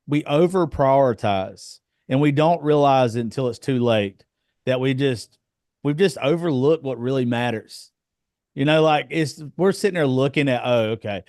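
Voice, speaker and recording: A man's voice: medium pitch, a little mellow, dry recording, studio quality. A man in his thirties chatting bluntly on a podcast, swearing freely and telling stories from his home life. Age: 30s. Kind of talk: casual chat.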